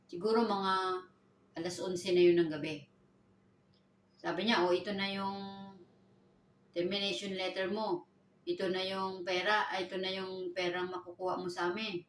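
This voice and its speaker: A woman's voice: reverberant, far from the mic, a little hiss or hum, poor audio. A woman with a Filipino accent, telling a story from her own life and raising her voice when she quotes people. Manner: animated retelling, raising pitch for quoted lines. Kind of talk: personal storytelling.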